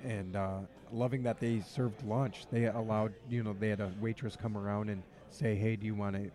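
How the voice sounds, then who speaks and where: A man running a comic and toy show, speaking with a raspy, hoarse voice in a relaxed, rambling way on a podcast. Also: fairly low pitch, normal speed. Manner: relaxed, rambling, filler-heavy. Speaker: event organizer. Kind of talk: casual podcast interview. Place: convention hall.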